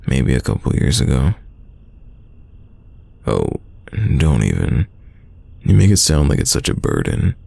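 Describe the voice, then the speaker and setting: With a very deep, gravelly voice and a dark tone, a man acts out a stubborn, teasing young friend in an intimate roleplay audio drama. He's very animated and casual, heaving drawn-out sighs in a heavily acted, echo-free take full of weary banter.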